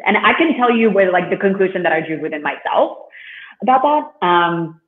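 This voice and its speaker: A man from Russia, a guest in an interview, talking in an earnest, halting way with many fillers. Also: high-pitched, expressive. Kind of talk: interview conversation. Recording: echoey, phone-like call line.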